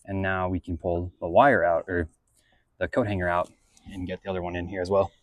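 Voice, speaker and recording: The recording is dry, and the man's voice is low and level as he talks fairly fast. He's a vlog host casually walking through a hands-on install in and around a pickup truck, thinking aloud in loose, slangy language.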